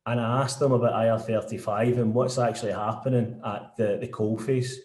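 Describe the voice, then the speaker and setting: A man's voice: medium pitch, fairly even intonation, brisk, a little mellow, echoey room. A man with a broad Glaswegian Scottish accent giving an informal webinar presentation as a guest speaker. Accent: broad Scottish, Glasgow. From Scotland. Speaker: guest speaker, sales director.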